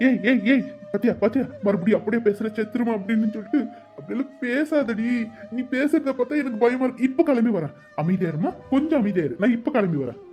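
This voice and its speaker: A man's voice: extremely high pitch, animated, quick pace, a little mellow, faint music behind. A man voicing a worried, protective young lover in a cartoon, speaking, urgent and pleading. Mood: insistent. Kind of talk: cartoon voice acting.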